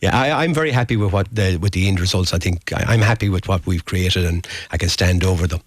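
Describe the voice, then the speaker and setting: A man's voice: low voice, quick pace, dry recording. A man with a Galway, west of Ireland accent, chatting informally as a guest in a radio interview. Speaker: guest, postcard designer.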